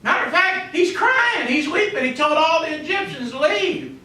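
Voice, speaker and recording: A male pastor preaching a sermon, swinging between loud emphatic calls and quiet asides, often saying "you know" and "amen". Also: extremely high pitch, expressive, moderate pace. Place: church sanctuary. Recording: echoey church, mic at a distance.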